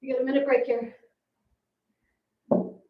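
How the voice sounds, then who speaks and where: A woman's voice: sits high, flat delivery, a little slow, dull audio. A woman leading a workout as an aerobics instructor, encouraging, cueing moves and counting in short commands. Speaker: fitness instructor. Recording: echoey room, distant mic.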